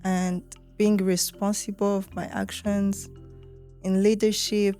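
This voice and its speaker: A woman's voice: mid-range voice, flat delivery, slow, warm tone, faint music behind. A young woman with a Rwandan accent, a student leader, speaking with enthusiasm and frequent use of "like". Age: young adult. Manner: enthusiastic, uses "like" often. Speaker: deputy guild president. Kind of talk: casual interview chat.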